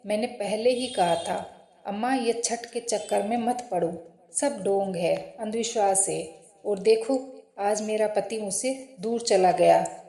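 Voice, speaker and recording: A woman's voice: medium pitch, takes it slowly, creaky, warm tone. A woman voicing a proud, dismissive young wife in a spoken storybook tale, talking down to her mother-in-law. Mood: distraught. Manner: scornful, self-assured. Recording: roomy echo.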